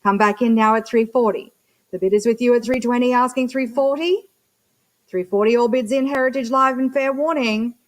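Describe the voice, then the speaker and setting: A woman's voice: fairly high pitch, normal speed. A woman working as a live auctioneer, chanting bid numbers and prompts between short descriptions of the lots.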